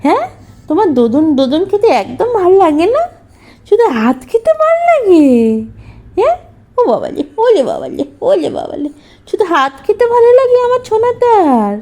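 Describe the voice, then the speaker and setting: Mother cooing lisping baby talk to her infant: very high, mellow voice. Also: huge pitch swings, moderate pace.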